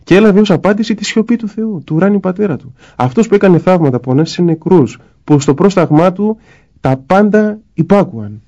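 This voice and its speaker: A priest speaks in a warm, mellow voice that sits a little high for a man. He explains his thoughts patiently in conversation and slips into brief acted-out exchanges to make his points. The sound is slightly muffled, as in a broadcast recording. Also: animated. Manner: explanatory, acts out little dialogues. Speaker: Orthodox priest guest. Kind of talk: spiritual talk in conversation.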